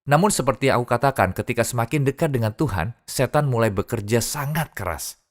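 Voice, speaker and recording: A man's voice: medium pitch, lively intonation, quick pace. A man earnestly telling his own conversion story in a dubbed first-person testimony.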